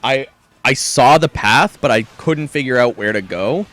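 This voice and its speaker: A man's voice: mid-range voice, a little slow, a bit bright, dry recording. A man live-streaming a game, chatting casually with rambling asides and fillers. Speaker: gaming streamer.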